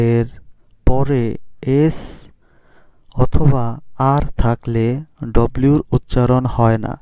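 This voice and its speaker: Man teaching spelling rules slowly. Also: mid-range voice, dark tone, clear, resonant tone, dry recording. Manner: spells out letters slowly and asks students questions. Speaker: English teacher. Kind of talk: classroom lesson on phonics rules. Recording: dry, dull lo-fi sound.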